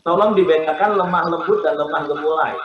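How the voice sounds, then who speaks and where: A man, a pastor, teaching a crowd about family communication in an animated, joking way. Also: fairly high pitch, a little fast, lo-fi sound, noisy background. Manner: animated, joking, acts out example phrases. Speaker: pastor, guest speaker. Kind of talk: teaching talk on family life. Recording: echoey room with audience.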